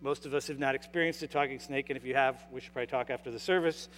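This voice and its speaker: A man's voice: mid-range voice, steady tone, very fast, a bit bright. A male pastor delivering a sermon in a church sanctuary during a service, speaking earnestly and often restarting or repeating words as he talks. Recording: long reverb from a large hall.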